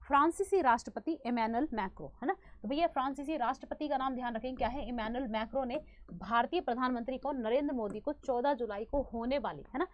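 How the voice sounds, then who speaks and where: Fast-talking woman teacher with sore throat. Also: sits high, no echo, highs cut off. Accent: Hindi. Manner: fast-talking, quizzing students with repeated questions and fillers. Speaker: current affairs teacher. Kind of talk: exam-prep lesson.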